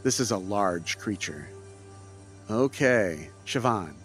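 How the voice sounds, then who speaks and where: A man's voice: lowish voice, expressive, slow pace, fairly bright tone. Male game master narrating over music.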